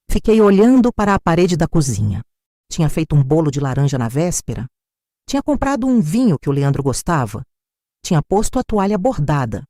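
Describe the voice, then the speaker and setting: Calm older woman narrating, warm lively voice. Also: mid-range voice, no room sound, studio quality. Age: 60s. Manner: calm, measured, reflective. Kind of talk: first-person story narration.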